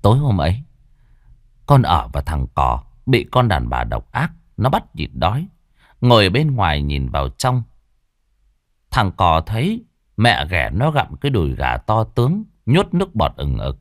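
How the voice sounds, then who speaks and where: Highly expressive storyteller man. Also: a little slow, dry recording, clean studio sound. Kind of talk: dramatic ghost-story narration.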